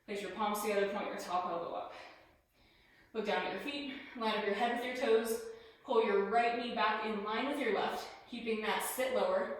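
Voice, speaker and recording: A woman leading a yoga class, giving calm step-by-step cues and sounding a little out of breath as she moves through the poses. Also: medium pitch. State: slightly out of breath. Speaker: yoga instructor. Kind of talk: guided yoga class instruction. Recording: very echoey room.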